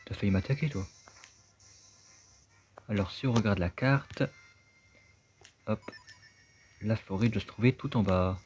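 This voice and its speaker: A man with a low voice chats his way through a video game, thinking aloud as he plays. The sound is dull and lo-fi. Soft game music runs underneath. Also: unhurried, long pauses. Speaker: let's play gamer. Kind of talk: casual gameplay commentary.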